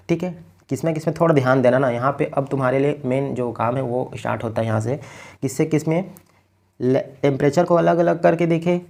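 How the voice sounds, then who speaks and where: A man from India giving a patient physics lecture, explaining each step slowly and often checking in with his students. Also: medium pitch, creaky, dark tone. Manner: keeps checking in with "ठीक है". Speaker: physics teacher. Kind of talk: blackboard lecture.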